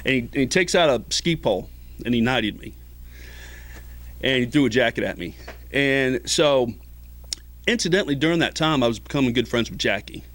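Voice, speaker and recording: A man's voice: mid-range voice, lively intonation, normal speed, long pauses, fairly bright tone. Middle-aged man telling a story. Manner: rambling, many fillers, acts out quoted voices. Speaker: interview guest, ski patroller. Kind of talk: casual storytelling.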